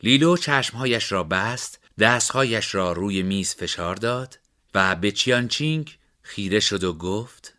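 Low-voiced man narrating a story. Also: expressive, bright, forceful tone.

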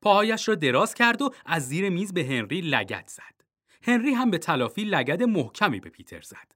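Expressive man reading a children's story. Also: sits high. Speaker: narrator.

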